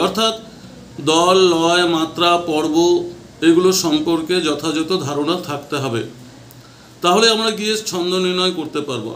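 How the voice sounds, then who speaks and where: Man tutoring slowly in an echoey room. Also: a little high, a bit bright, slight background noise. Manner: repeats definitions slowly, stressing key terms. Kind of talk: exam-prep lecture.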